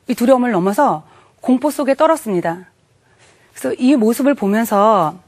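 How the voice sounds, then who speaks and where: Earnest woman giving a church testimony. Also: a little high. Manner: earnest, vivid storytelling, acts out scenes. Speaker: testimony speaker.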